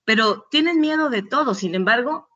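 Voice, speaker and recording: A woman's voice: fairly high pitch, animated, normal speed, pushed and bright, lo-fi sound. A middle-aged Mexican woman, a doctor, giving a conversational recorded lecture with frequent restarts and fillers. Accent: Mexican Spanish. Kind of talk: recorded lecture with patient anecdotes.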